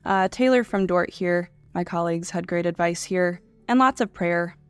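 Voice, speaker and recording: A woman's voice: fairly low pitch, moderate pace, clear, resonant tone, no room sound, faint music behind. A woman, an admissions counselor, giving earnest, encouraging advice on a panel.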